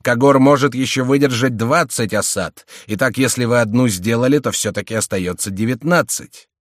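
A man voicing a proud, defiant fortress commandant in an audiobook, speaking loudly and boldly. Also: medium pitch, normal speed, no echo, studio quality, natural voice. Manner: shouting orders, defiant.

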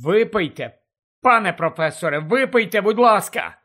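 A man's voice: high voice, animated, normal speed, heavily acted. A man voicing a panicked teenage boy wizard, pleading and crying out in desperation. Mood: desperate pleading. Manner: pleading, frantic shouting. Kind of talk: audiobook character voice.

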